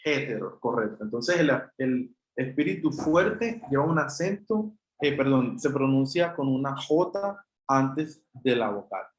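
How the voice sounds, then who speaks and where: A man's voice: mid-range voice, expressive, measured pace, few pauses, reverberant, poor audio. A man teaching an online Greek class, explaining patiently step by step and addressing students as brothers, with a Chilean Spanish accent.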